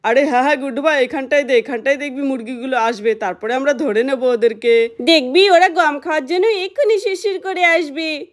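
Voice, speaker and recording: A woman's voice: sits high, a little fast, lightly acted. A woman voicing a sensible older girl who explains plans to the younger children in a doll cartoon. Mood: eager. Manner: coaxing, explaining. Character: sensible older girl, bossy big sister type.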